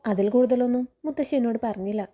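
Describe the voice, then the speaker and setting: A woman voicing an earnest, gentle young woman who pleads softly, quoted in a story recap. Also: on the high side, fast, close to an everyday voice. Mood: earnest, pleading.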